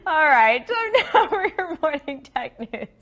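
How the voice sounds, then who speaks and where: High-voiced woman news anchor stifling giggles. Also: very animated, unhurried, a bit bright, muffled recording. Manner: stifling giggles, losing composure while presenting. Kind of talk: live news presenting.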